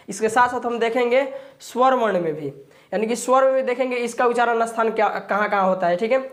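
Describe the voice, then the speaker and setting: Woman teacher, kinda high voice, slow and patient, says the sounds out loud and keeps asking questions. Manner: patient, repeats sounds aloud and quizzes the listener. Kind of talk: Hindi grammar lesson, talking to viewers.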